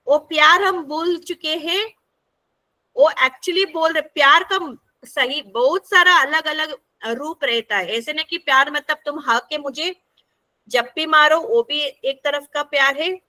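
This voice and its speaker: A woman with a high, bright voice leads a workshop for a group. She talks conversationally and keeps checking that her listeners are following. Her tone is sharp and forward. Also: a little slow. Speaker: workshop facilitator. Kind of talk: interactive workshop teaching.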